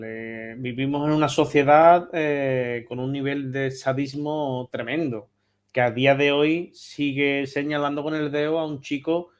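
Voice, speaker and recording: A man from Spain with a Spanish accent, a therapist speaking passionately and emphatically as a guest on a remote interview. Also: medium pitch. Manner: passionate, emphatic, repeats phrases.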